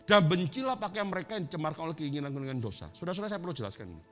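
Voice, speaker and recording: A male pastor preaching a sermon with lively storytelling, acting out quoted dialogue. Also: fairly high pitch, racing, soft background music.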